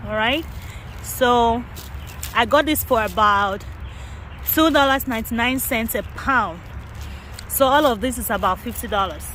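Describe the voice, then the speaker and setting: Woman, casual garden vlog, talks to viewers, slightly high voice, windy outdoor phone audio. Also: a little slow, pauses often, fairly bright tone, low-quality recording. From Cameroon. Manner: chatty, addresses viewers as guys. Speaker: gardening vlogger. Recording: wind and traffic noise outdoors.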